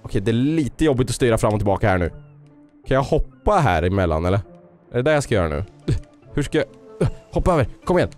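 A man's voice: mid-range voice, very animated, darkish tone. A man giving let's-play commentary on a game. He cheers on and scolds his character and drops English phrases into his talk. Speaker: gaming YouTuber. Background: faint game music.

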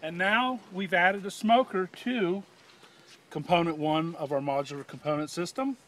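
A man's voice: high voice, normal speed, a bit bright. A man in his fifties demonstrating a product outdoors, with a chatty, joking salesman's patter. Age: 50s. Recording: audible outdoor background noise.

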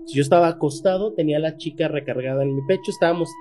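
A man's voice: fairly high pitch, very fast, dark tone. Slangy Mexican man telling a scary story. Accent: Mexican Spanish. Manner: slangy, emphatic, raises voice when quoting. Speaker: guest telling a paranormal story. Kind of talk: casual storytelling.

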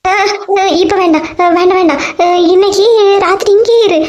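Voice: fairly even intonation, brisk. A performer voicing a frightened, clingy middle-aged aunt in a cartoon with a Kanyakumari Tamil accent, pleading over and over in a panic. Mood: scared pleading. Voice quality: very high, squeaky cartoon voice. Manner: pleading, repeats herself in a panic.

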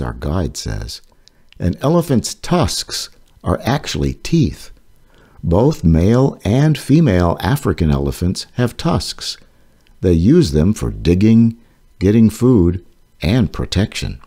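Like a bedtime storyteller, a gentle, clear-voiced man reads a children's book slowly, his very deep, warm tones narrated over the book's pages. His intonation rises and falls in a lively way to hold young listeners' attention.

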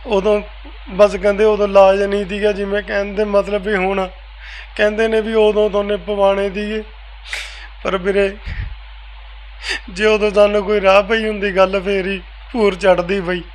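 A man speaks in a high, flat voice. He answers softly and casually in an interview. A faint background ambience sits under his voice. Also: moderate pace, pauses often, a little hiss or hum, poor audio. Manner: soft-spoken, repeats "veere" often. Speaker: interviewee, family member.

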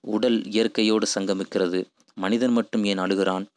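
A man's voice: fairly low pitch, steady tone, moderate pace, darkish tone, close to an everyday voice. A man voicing an impassioned idealist who preaches to villagers in poetic, rousing speech.

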